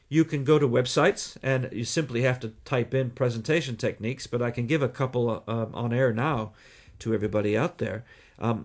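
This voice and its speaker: Measured Canadian man explaining. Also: medium pitch. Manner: measured, explanatory, with deliberate pauses. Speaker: guest, communication trainer. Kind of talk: radio interview.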